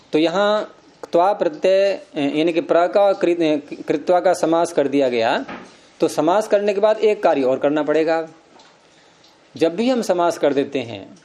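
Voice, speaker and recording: Questioning Sanskrit grammar teacher, mellow voice. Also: male voice, a little high. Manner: explains step by step, quizzing students with questions. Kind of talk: classroom lecture.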